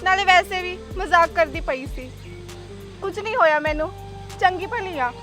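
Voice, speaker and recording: A woman's voice: very high voice, expressive, normal speed, soft background music, full character voice. A young woman playing a bold, defiant biker girl who teases and talks tough. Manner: brash, teasing, sharp-tongued. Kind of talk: Punjabi short film acting.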